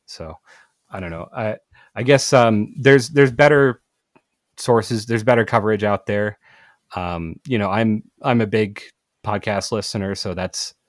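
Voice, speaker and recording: A man hosting a podcast, talking in a halting way with many fillers and restarts. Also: on the low side, no echo, clean studio sound. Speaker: podcast host. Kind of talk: casual podcast conversation.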